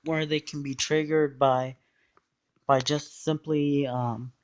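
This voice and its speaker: A man giving a casual explanatory monologue in a hesitant, halting way, often trailing off. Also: fairly high pitch, flat delivery, smooth.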